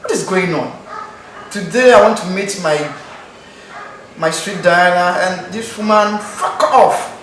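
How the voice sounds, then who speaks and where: A man's voice: high voice, a little slow, pauses often. An actor playing an impatient male customer who barks orders at a waiter. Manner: bossy, shouting orders. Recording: echoey, distant, noisy camera audio.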